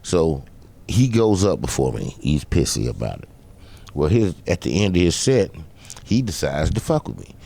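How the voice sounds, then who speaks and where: A man from Arkansas, a guest comedian telling a story on a podcast, animated and quick to laugh. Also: very deep voice, creaky.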